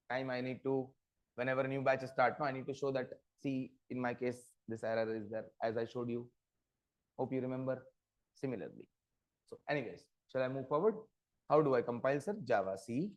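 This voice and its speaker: A man giving an interactive programming lecture, often stopping to quiz his listeners with short check questions. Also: mid-range voice. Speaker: programming instructor. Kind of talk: interactive live coding lecture.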